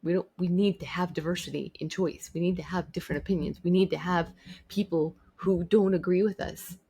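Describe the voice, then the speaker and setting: A woman's voice: lowish voice, steady tone, brisk, creaky, mellow, husky. A woman vlogger giving an opinionated monologue, emphatic and repeating her points for stress. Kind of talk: opinionated talking-to-camera monologue.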